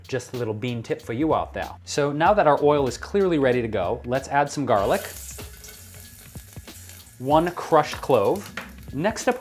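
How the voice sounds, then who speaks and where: In a kitchen, an American cooking show host demonstrates a recipe to camera in an upbeat way, chatty, playful and enthusiastic. His voice is a little high, and there's slight background noise.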